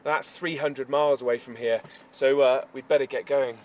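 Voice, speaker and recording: Presenting a storm-chasing video diary on location, a man speaks off the cuff and reacts as things happen, by the roadside and inside a car. His mid-range voice has fairly even intonation and a normal speed. The distant mic picks up loud music plus outdoor and car noise.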